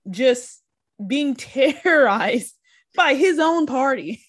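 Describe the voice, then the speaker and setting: A woman's voice: high-pitched, lively intonation, slow pace. A woman co-hosting a podcast, recapping a tabletop game episode in casual chat and laughing often. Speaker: podcast co-host. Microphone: podcast mic.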